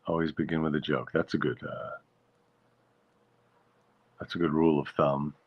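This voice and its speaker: A man's voice: extremely low pitch, little pitch movement, moderate pace. A man hosting a casual stream, reading viewer comments aloud and musing over them in a wry, easygoing way. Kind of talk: casual chat. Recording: dull lo-fi sound.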